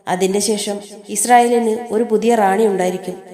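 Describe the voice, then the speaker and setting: A woman reading the lines of a scheming middle-aged king from a play script, in an even reading voice. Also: mid-range voice, normal speed, lightly acted. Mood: persuasive. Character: King David, a middle-aged male king, smooth-talking and scheming. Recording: echoey room.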